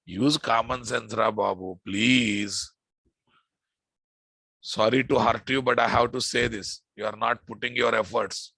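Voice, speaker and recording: A man with a Telugu-flavoured Indian accent leads a live coding lesson. His voice is forceful and creaky, recorded close and dry. He repeats phrases and keeps putting check-in questions to his students. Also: mid-range voice, steady tone, unhurried, no room sound, rough recording. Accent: Indian, Telugu-influenced. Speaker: programming instructor.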